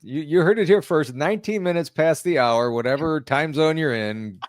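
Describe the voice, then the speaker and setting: A man's voice: on the high side, moderate pace, dry recording. A male podcast host who jokes around and asks his guest questions, leaning on many fillers. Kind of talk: casual podcast chat.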